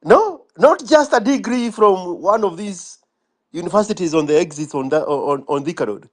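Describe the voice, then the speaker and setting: A man's voice: sits high, moderate pace. A man with a Kenyan accent debating casually in a challenging, sarcastic manner, repeating himself for emphasis.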